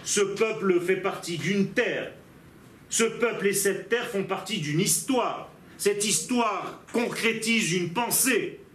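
A man's voice: sits high, slow pace, fairly bright tone. A man teaching a religious lesson as a rabbi, emphatic and posing rhetorical questions to his listeners. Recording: echoey room.

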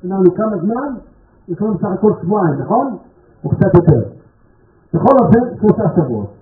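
A man with a high voice speaks slowly and solemnly. His voice echoes around the room and comes through thin and tinny. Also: sing-song. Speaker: emcee introducing speakers. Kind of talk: memorial speech.

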